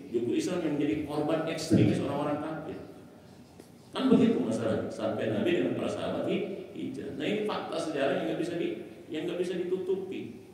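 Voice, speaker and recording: Emphatic preacher in an echoey hall. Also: male voice, fairly high pitch, darkish tone, distant mic, slight background noise. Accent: Indonesian. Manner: emphatic, rhetorical questions answered himself. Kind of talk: mosque sermon. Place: mosque hall.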